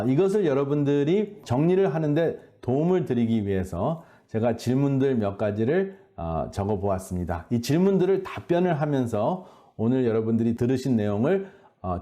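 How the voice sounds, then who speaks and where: A man giving an earnest, measured faith-based health lecture, often pausing on hesitation sounds. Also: medium pitch, expressive, dark tone. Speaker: lecturer at a health boot camp.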